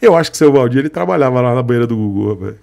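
His medium-pitched voice is animated and very fast, with vocal fry and a darkish tone. On his live stream, the Brazilian Portuguese-accented motorcycle vlogger rants casually, joking sarcastically with viewers and chuckling a lot.

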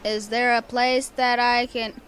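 A woman's voice: on the high side, flat delivery, a little slow, a bit bright, slight background noise. A woman giving let's-play commentary at home on a cheap microphone, rambling and talking to herself, repeating her questions over and over. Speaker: gamer playing on video. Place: home room.

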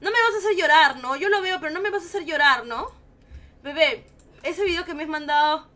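A woman's voice: high voice, brisk, pushed and bright. A woman streaming live, reacting to viewer videos in an emotional, swearing, affectionate way. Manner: emotional, swears often, calls viewers "baby" and "king". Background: faint children's music.

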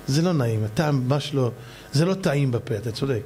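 A man, a rabbi, giving an animated sermon and acting out the voices of people in his stories. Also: medium pitch, a little hiss or hum.

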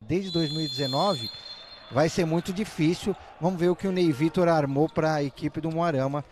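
A man's voice: on the high side, moderate pace, a little mellow. A Brazilian man analysing a futsal match conversationally, often adding short tag questions. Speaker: sports analyst. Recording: faint arena noise behind.

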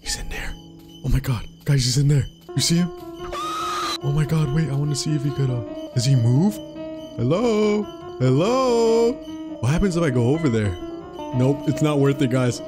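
A man's voice: medium pitch, a little fast, music in the background. A young man commentating a horror game, frantic and cursing, yelping in panic. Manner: frantic, swearing, panicky yelps. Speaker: gaming streamer.

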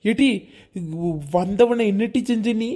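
A woman's voice: a little high, measured pace, dark tone, natural voice. A woman voicing an exasperated, scolding middle-aged husband and father, in a cartoon.

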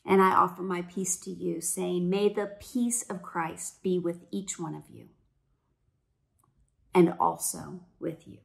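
A woman pastor leading the liturgy in a church, speaking in a measured, solemn way. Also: lowish voice, fairly even intonation, creaky. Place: church sanctuary.

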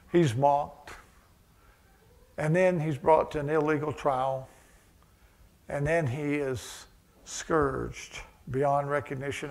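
A man's voice: fairly high pitch, a little mellow. A male pastor preaching a sermon, mixing conversational asides with rising, emphatic passages.

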